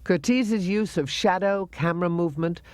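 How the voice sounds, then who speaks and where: A man giving scripted documentary narration in a measured, informative way. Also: high-pitched, noisy background.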